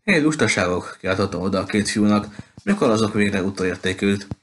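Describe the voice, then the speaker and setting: A man reading a novel aloud at a steady pace, with occasional slips and restarts. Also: lowish voice, a little hiss or hum. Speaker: audiobook reader.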